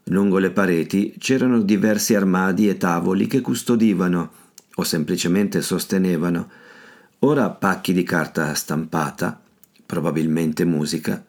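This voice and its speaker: A man narrating an audiobook in a measured, steady way. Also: deep voice. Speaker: audiobook reader. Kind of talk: scripted narration.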